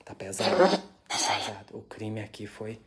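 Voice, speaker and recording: A man hosting a ghost-hunting vlog from inside an abandoned house, asking questions aloud and dropping into hushed, awed murmurs between them. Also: fairly low pitch, completely flat delivery, normal speed, very noisy. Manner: anxious, awed. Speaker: paranormal investigator host.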